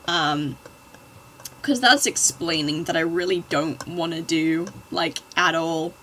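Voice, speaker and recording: Woman reading fanfic aloud at home, slow and bright, with dry exasperated comments. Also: on the low side, a little hiss or hum, rough recording. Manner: wry, exasperated asides. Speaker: channel host.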